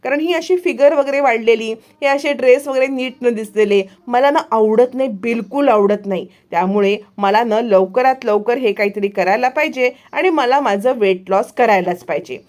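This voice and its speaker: A fussy young woman set on strict dieting, speaking in a declaring tone, as a woman narrator voices her. Her voice is high. It stays close to the storyteller's own. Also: normal speed, few pauses, darkish tone, natural voice. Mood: determined.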